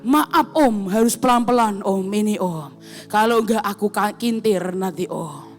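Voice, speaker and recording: A woman's voice: mid-range voice, a little slow, soft background music, lightly acted. A woman voicing a small, thin, timid male angel in a sermon story who speaks politely and apologetically. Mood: apologetic.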